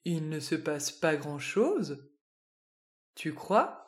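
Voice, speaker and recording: A woman voicing a wise, calm little earthworm in a children's storybook, speaking softly and thoughtfully. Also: low voice, voice pushed down, heavily acted. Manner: soft, slow, thoughtful.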